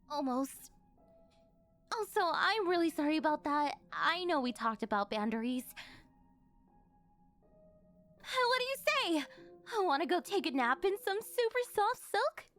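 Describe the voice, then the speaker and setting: In a scripted ASMR roleplay addressed to the listener, a woman plays a wealthy older yandere girlfriend in a full character voice that is high and very animated. Doting and possessive, she coaxes her sweetheart through a sweet, slightly awkward ramble with a concerned, tender mood. Faint music sits in the background.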